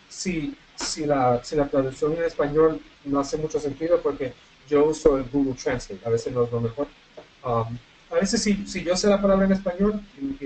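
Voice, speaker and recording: A man's voice: fairly high pitch, a little mellow, slight background noise, low-quality recording. Bilingual man teaching English online. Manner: switches between Spanish and English, repeats word pairs slowly for drilling. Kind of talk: online class instruction.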